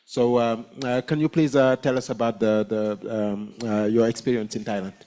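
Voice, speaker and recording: Hesitant man moderating, medium pitch. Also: steady tone, normal speed, warm tone. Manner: very hesitant, dense with uh and um, repeats words. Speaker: panel moderator. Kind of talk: informal spoken moderation.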